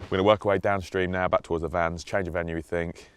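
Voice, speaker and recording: This voice sits low and smooth, with a flat delivery at a quick pace. It belongs to a young man raised in Switzerland who talks about fishing casually and enthusiastically, rambling and restarting through outdoor chat and voice-over.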